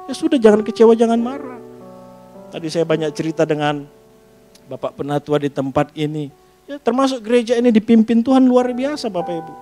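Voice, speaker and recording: Guy preaching in church, kinda high voice, keeps asking for amens, cracks jokes, faint keyboard music behind. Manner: lively preaching, often asking the congregation for an amen; mixes humor and casual asides into the sermon. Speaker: pastor. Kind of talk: sermon.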